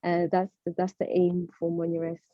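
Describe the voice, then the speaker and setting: A personal trainer from Zimbabwe, whose first language is Shona, introduces herself as a guest. Her low voice stays monotone at a moderate pace, sounding friendly but hesitant with many fillers. The audio is dull and dry, with no room sound.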